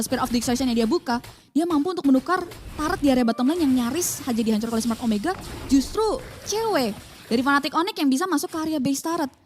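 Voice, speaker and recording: Female esports co-caster, Indonesian accent, high pitch, analytical match talk with English jargon, some background noise. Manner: mixes English gaming terms into commentary. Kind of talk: analytical game match commentary.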